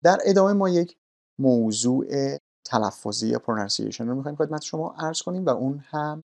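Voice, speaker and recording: A man's voice: medium pitch, lively intonation, gravelly, a little mellow. A man teaching English grammar, explaining patiently and politely, step by step. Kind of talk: explaining grammar lesson in Persian.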